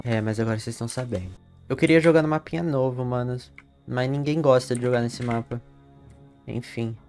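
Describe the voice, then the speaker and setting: A young Brazilian man streaming a horror game, chatting casually, swearing a lot and breaking into loud panicked yells. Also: medium pitch, creaky. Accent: Brazilian Portuguese. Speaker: gamer streamer. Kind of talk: live gameplay commentary.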